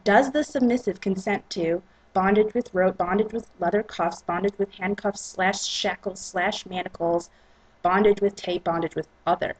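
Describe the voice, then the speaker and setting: Female narrator, breathy and husky, dramatic reading of romance fiction. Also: mid-range voice, normal speed, rough recording. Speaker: reader and narrator.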